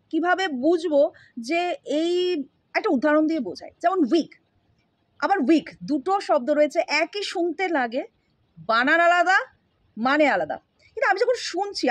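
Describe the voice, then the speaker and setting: A woman teaches in a relaxed, familiar way and keeps stopping to check that her learners follow. Her voice sits very high. The recording is close and dry, with no room sound. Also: no echo. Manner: familiar, addresses learners directly with frequent checks. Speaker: spoken English teacher. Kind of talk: casual explanatory lesson.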